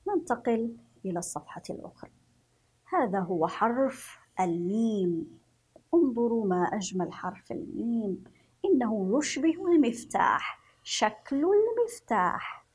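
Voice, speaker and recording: A Yemeni woman teaching a children's reading lesson, speaking slowly and encouragingly and stretching out letter sounds. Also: a little high, very animated, breathy edge. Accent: Yemeni Arabic. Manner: slow, sing-song, encouraging, drawn-out letter sounds.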